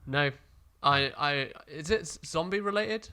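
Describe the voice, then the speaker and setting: A man co-hosting a podcast, talking in a loose, rambling way full of ums and restarts. His voice is bright and forward, with a smooth, clean timbre. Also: a little high, measured pace. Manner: rambling, hesitant, full of fillers. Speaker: podcast co-host. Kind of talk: casual chat.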